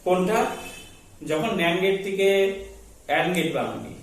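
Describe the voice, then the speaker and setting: Teaching a classroom lecture, a man quizzes students with call-and-response questions and waits for their answers. His voice is slightly high for a man, slow and creaky, with big pitch swings. He sounds far off in a very echoey room with a faint hiss.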